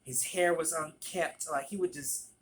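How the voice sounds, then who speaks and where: A vlogger telling a work story in an animated, profane storytime manner. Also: mid-range voice, unhurried, a little hiss or hum. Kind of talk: storytime vlog.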